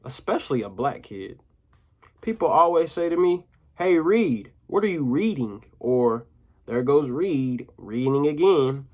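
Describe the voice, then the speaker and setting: A man reading aloud, voicing a gruff, sullen young boy who grumbles about his troubles. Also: mid-range voice, sing-song, a little slow, darkish tone. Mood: complaining.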